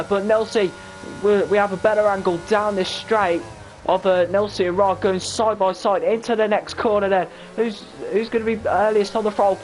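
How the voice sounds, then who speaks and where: A young man giving excitable, breathless live play-by-play for a sim-racing stream, his voice prone to cracking. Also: high voice, a little hiss or hum, rough recording. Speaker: race commentator.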